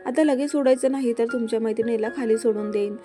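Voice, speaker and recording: An angry young husband who scolds everyone sharply, read by a woman storyteller. The voice sits a little high, with music playing along underneath. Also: fast, warm tone, natural voice. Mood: stern. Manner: stern, scolding. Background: background music.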